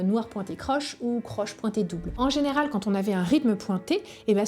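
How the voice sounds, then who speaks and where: A woman with a fairly high but mellow, warm voice explains early-music performance in a calm, steady teaching manner. Now and then she hums rhythms on a single syllable to show a point. Faint music plays behind her. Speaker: cello teacher.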